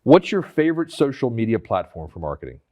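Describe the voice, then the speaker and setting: A man hosting a lightning round, teasing his guest as he runs through rapid questions. His pitch swings up and down a lot as he talks. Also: very animated, highs cut off. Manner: playful, teasing, laughs often. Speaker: interview host.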